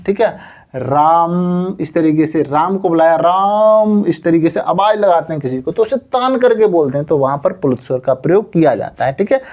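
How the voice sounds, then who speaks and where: A man's voice: sits high, dark tone, lo-fi sound. A man teaching Hindi grammar in an exam coaching lesson. He asks and answers his own questions, keeps saying "theek hai", and stretches words out to show how long the vowels are.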